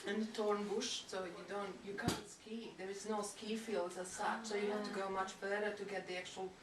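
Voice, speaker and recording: A woman's voice: mid-range voice, level tone, a loud crowd. Croatian lady, middle-aged, chatting with a group, kinda far from the mic in an echoey room with people chattering around. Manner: chatty, laughs often, halting phrasing. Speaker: business owner. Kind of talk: casual group chat. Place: business premises with a gathered group.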